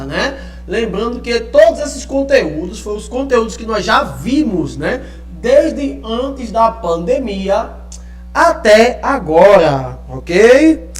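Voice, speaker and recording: Slow, echoey teacher. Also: male voice, very high-pitched. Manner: checks in often with tag questions. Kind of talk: live online class. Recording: echoey room with faint music.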